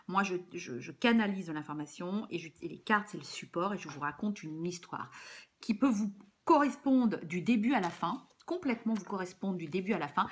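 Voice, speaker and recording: A woman giving a casual, chatty tarot card reading as host, with frequent fillers and restarts. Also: medium pitch.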